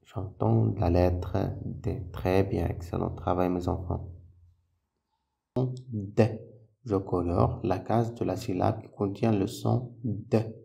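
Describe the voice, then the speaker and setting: A man's voice: low-pitched, steady tone, measured pace, vocal fry, warm tone. A man teaching a phonics lesson to young children, patiently sounding out and repeating syllables and words. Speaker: primary school teacher.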